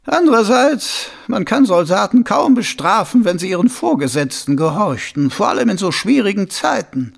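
A sly, plotting city lord, as a male reader puts him on, lifted well above the reader's own voice and louder, his words stretched out and oily. The voice keeps a gravelly, husky edge and bounces across a wide range, with an audiobook feel. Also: high-pitched, big pitch swings, normal speed, few pauses, pitched above the performer's own voice, full character voice. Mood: scheming.

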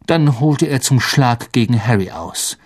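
An audiobook reader narrating a story in an unhurried, expressive way. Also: medium pitch.

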